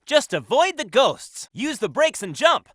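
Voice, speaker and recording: Bright, high-pitched cocky hedgehog hero. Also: male voice, big pitch swings, measured pace, no echo, studio quality, exaggerated voice. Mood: upbeat, instructive. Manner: brash, confident, exclamatory. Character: cocky, upbeat young male cartoon hedgehog hero. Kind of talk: video game character voice lines.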